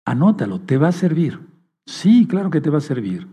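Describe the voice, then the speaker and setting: Male preacher, very dark husky voice, pastoral sermon delivery. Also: on the high side, big pitch swings, normal speed. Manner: pastoral, addresses listeners as brothers, acts out inner voices.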